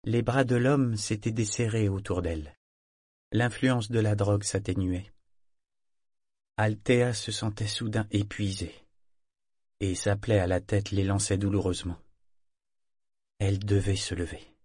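An audiobook narrator, a man with a fairly low voice, reads a novel in a measured, even storytelling style. The scripted narration is a dry, studio-quality recording.

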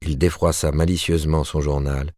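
A man reading a novel aloud as narrator, in a measured literary style. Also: rumbling low, flat delivery, a little mellow, no room sound, clean studio sound. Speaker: audiobook reader. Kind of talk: scripted narration.

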